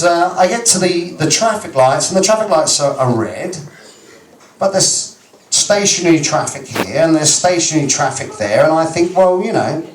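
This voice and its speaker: A man with an English accent doing a stand-up routine, telling a story in an animated, mock-exasperated way. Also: on the high side. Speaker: stand-up comedian. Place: comedy club stage. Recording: roomy live club recording from far off.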